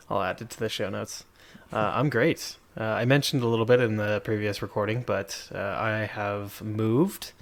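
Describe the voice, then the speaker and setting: A podcast co-host with a lowish voice chats casually in fairly even intonation and at a slightly slow pace, his humor dry and understated. He's in an empty room with bare walls and a desk, so his voice echoes.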